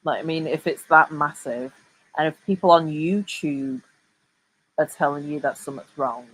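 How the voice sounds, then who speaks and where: A woman's voice: low-pitched, moderate pace, poor audio. A woman giving casual reaction commentary, full of sarcastic, mocking asides.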